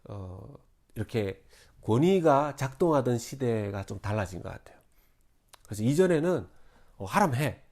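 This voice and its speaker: A middle-aged man preaching a sermon with a lively, swooping voice that rises and falls a lot. His pitch sits mid-range for a man, and he talks conversationally, slipping into dramatized quotes. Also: moderate pace, gravelly, pauses often. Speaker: pastor.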